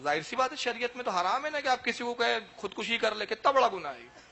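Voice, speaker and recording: Male preacher, very high pitched, dramatic sermon storyteller. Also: animated, vocal fry, bright, forceful tone, a little hiss or hum. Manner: dramatic, retells stories with acted quotes. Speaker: religious speaker.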